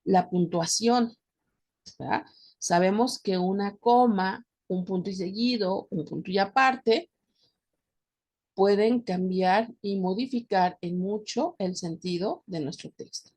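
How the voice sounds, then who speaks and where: A woman's voice: mid-range voice, slow, darkish tone, slightly rough. A woman with a Mexican accent teaching a recorded lesson, explaining patiently and checking in with her students as she goes. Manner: addresses students directly. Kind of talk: recorded class lecture.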